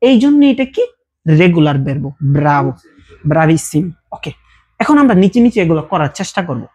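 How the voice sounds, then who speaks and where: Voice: medium pitch, big pitch swings, brisk, a little mellow, slightly rough. A teacher giving a casual language lesson, explaining verb forms patiently with repeated examples and check questions.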